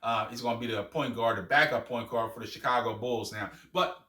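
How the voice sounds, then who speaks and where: Male sports host, teasing and chatty, bright tone, echoey room sound. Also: medium pitch, a little fast, recorded from a distance. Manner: animated, teasing, drops to asides. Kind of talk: casual sports commentary.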